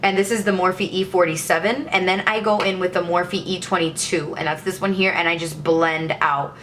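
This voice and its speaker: Casting: young female beauty vlogger, lower register, chatty and upbeat, faint hiss behind. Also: steady tone, normal speed, a bit bright. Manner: chatty and enthusiastic. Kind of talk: casual makeup tutorial.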